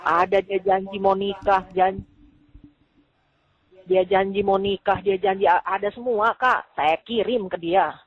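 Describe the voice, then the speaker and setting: A woman's voice: mid-range voice, steady tone, a little slow. A woman venting on a phone call in an agitated way, quoting herself and others. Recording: tinny phone-line recording.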